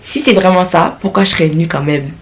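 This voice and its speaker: A young woman with a Quebec French accent telling a storytime vlog, sassy and animated, slipping English slang into her talk. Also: fairly low pitch, fast talker. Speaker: vlogger.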